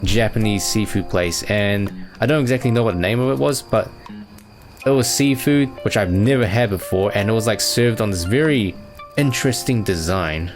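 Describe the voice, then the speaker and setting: Young male host, low-ish voice, relaxed rambling Q&A, steady music underneath. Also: normal speed. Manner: easygoing, rambling, lots of fillers. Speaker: channel host answering fan questions. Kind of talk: casual chat. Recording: music playing behind.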